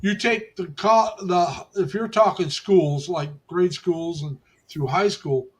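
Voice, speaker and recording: High-voiced rambling man in his sixties. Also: takes it slowly. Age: 60s. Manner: rambling, repeats and restarts phrases. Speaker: co-host. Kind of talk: casual livestream chat.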